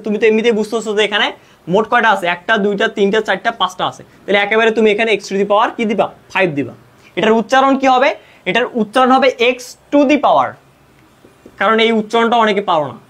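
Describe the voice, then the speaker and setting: A man's voice: high voice, fairly bright tone. A young man with a Bangladeshi Bengali accent teaching an online math lesson, explaining step by step and answering his own questions. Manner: mixes English math terms into Bengali speech. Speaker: math tutor.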